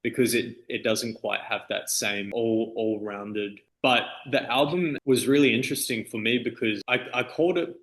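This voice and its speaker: An Australian DJ chats casually in an interview as a guest, with loose, easygoing phrasing packed with fillers like "you know" and "like". His mid-range voice moves at a moderate pace with hardly any pauses and a fairly bright tone.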